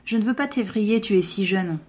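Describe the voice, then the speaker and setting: A woman voicing the ghost of a young male doctor who tells his past in a calm, gentle way. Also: medium pitch, moderate pace, slightly rough, pitched above the performer's own voice, close to an everyday voice. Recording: dull lo-fi recording.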